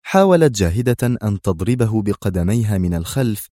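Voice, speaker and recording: A man narrating an action novel as a dramatic audiobook, moving his pitch a lot through the story. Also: big pitch swings, brisk, mellow, no echo, studio quality.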